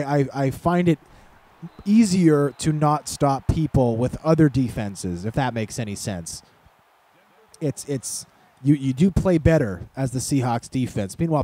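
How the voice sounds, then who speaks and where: A man's voice: a little high, warm tone, no echo. Rambling sarcastic man commenting on a game. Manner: rambling, self-deprecating, sarcastic asides. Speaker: gaming commentator. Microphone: desk microphone.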